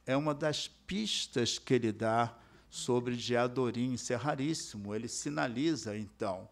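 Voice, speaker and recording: A man with a Brazilian accent giving an academic lecture as a guest speaker. He explains step by step and keeps checking in with the audience through tag questions. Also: mid-range voice. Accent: Brazilian Portuguese. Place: lecture hall.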